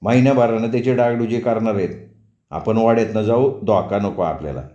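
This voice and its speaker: A man voicing a quick-witted young village man who teases his mother in rustic village speech. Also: lowish voice, warm tone, lightly acted. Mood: cautious. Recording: dull, roomy recording.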